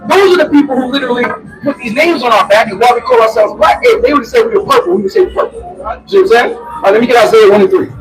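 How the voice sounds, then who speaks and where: A man's voice: extremely high pitch, very animated, quick pace, recorded from a distance, background noise. A man preaching in the street, emphatic, pressing listeners to answer him back.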